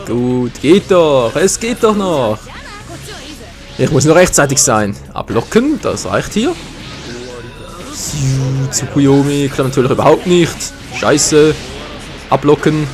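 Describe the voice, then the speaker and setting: An excitable man with a German accent talks over his own fighting game match, swinging his voice up and down as he cheers and curses. His voice sits a bit high for a man. Game music plays faintly behind him. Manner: excitable, swears and groans at misses. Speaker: gaming commentator. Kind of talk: live gameplay commentary.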